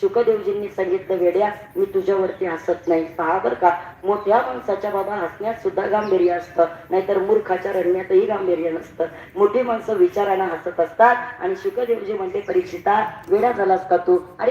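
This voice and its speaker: A woman's voice: mid-range voice, slight background noise. A woman giving a devotional sermon at a village bhajan gathering, calling on the audience to answer and acting out the story's characters. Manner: acts out story characters in a rising voice. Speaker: kirtan preacher. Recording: roomy, distant, dull live recording.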